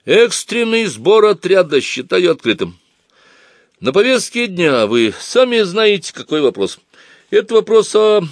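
A man voicing a confident boy pioneer chairman who announces loudly in a storybook reading. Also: sits high, very animated, measured pace, no echo, studio quality, voice pushed up. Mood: pompous. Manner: loud and confident, speech-like. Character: boy pioneer chairman, self-important and loud.

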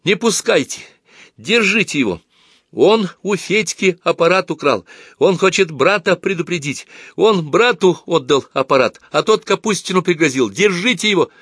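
A man's voice: medium pitch, very animated, slow pace, creaky, long pauses, dry recording, studio quality, heavily acted. A man voicing a hot-tempered young girl pioneer who cries out shrilly in anger, in a storybook reading. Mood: screaming.

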